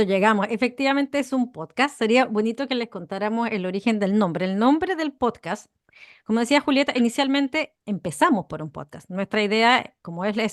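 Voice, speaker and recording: A woman co-host talks in a lively, conversational way, leaning hard on the words she wants to stress. Her voice sits at an ordinary middle pitch. The recording is close and dry, with almost no room sound. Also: no echo. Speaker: podcast co-host. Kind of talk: conversational explanation.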